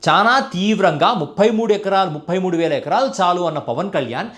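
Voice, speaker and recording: Man, sarcastic political rant, combative, rhetorical questions, fairly high voice. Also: animated, fast, fairly bright tone. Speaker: political commentator. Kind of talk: political monologue.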